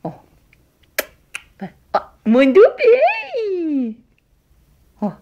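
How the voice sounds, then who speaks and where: High, sing-song cooing mother. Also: huge pitch swings, drawn-out words, highs cut off. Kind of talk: baby talk to an infant.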